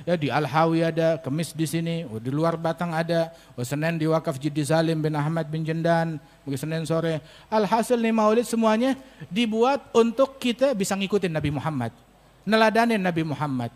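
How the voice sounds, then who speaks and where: A male preacher, giving a sermon and telling stories with lively acted-out dialogue. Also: a little high, normal speed. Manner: storytelling, acts out dialogue with rising emphasis. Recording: long hall reverb.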